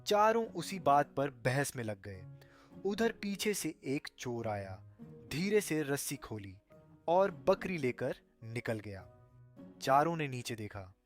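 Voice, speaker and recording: Lively male cartoon storyteller. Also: mid-range voice, takes it slowly, faint music behind. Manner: playful, comic storytelling. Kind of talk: scripted cartoon narration.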